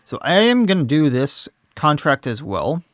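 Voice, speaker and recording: A man's voice: on the high side, sing-song, moderate pace, dry recording, clean studio sound. A man, slightly losing his voice, commenting casually on his own gameplay and thinking aloud as he plays. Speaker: let's play host.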